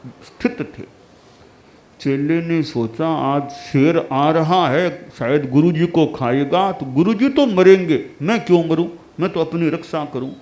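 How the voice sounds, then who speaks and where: A man giving a sermon as a spiritual teacher, telling a parable in an unhurried storytelling manner. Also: fairly high pitch, darkish tone. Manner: unhurried, storytelling with acted dialogue.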